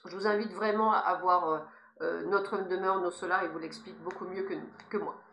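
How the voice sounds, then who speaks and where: A woman's voice: fairly low pitch, steady tone, fairly quick, fairly bright tone. Lisping woman in an echoey room. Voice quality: lisp on s sounds. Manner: emphatic, encouraging, addressing listeners directly. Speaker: spiritual guide giving guidance messages. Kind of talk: informal spiritual guidance monologue. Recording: echoey, reverberant room sound.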